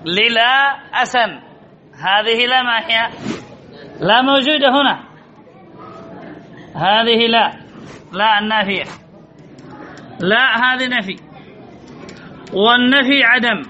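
In a classroom, a man with a very high, bright, forceful voice teaches Arabic grammar. He quizzes his students and drills key answers by repeating them, and the recording sounds dull and lo-fi.

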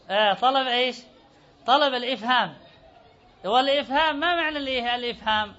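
A man's voice: extremely high pitch, bright, forceful tone. A man teaching a grammar lesson, quizzing students and repeating their answers back to them. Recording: dull lo-fi recording.

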